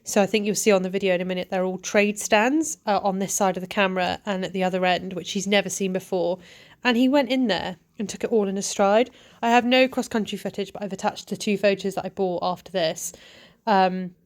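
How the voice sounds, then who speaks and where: A woman's voice: mid-range voice, steady tone, a little fast. A woman, giving a chatty, casual voice-over about her own riding footage, with lots of ums and asides. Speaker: vlogger and event rider.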